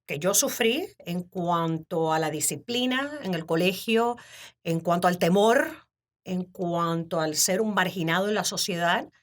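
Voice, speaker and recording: Woman, 50s, Cuban accent, interview guest, animated, laughs often. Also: fairly low pitch, a little slow. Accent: Cuban Spanish. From Cuba. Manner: warm, animated storytelling with frequent laughter. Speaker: podcast guest. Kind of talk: casual interview talk.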